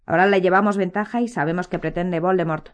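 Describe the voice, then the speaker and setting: A woman voicing a calm, firm grown man, a wizard who speaks steadily and reassuringly in an audiobook. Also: on the low side, quick pace, close to an everyday voice. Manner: firm, soothing. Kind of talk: audiobook character voice.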